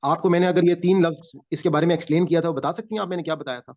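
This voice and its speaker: A man's voice: a little high, steady tone, darkish tone. Man teaching an online class. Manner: explains patiently, quizzes students. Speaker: Quran teacher. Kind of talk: online class, word-by-word translation. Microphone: video call. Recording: muffled video call audio.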